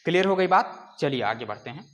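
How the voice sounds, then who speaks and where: A man with a notably high speaking voice gives a classroom lecture. He asks questions of his listeners and answers them himself, and he draws out sounds to demonstrate them. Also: sing-song. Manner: explains with rhetorical questions and drawn-out calls. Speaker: teacher.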